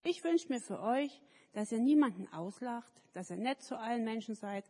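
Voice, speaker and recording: Lively woman telling children a story. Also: fairly high pitch, normal speed. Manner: lively, asks the children questions. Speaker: children's story teller at a church service. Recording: echoey hall.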